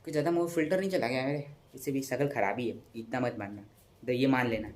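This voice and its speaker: A man's voice: mid-range voice, fast talker. A young man explaining science in a casual, chatty way, repeating words, correcting himself and making little sound effects. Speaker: teacher.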